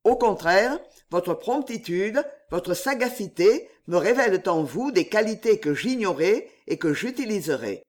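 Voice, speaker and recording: Audiobook figure: a calm, commanding older Jesuit chief, slow and weighty, read by a man. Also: sits high. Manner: calm, authoritative.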